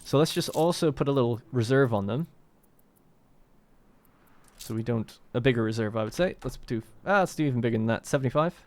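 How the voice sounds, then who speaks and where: A man's voice: mid-range voice, brisk, long pauses. Casual man narrating his strategy game. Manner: casual, thinking aloud while playing. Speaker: let's play host. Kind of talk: gameplay commentary.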